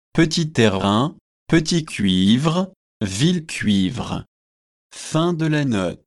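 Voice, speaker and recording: Slow-reading male audiobook narrator. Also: medium pitch, darkish tone. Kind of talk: scripted narration of a novel.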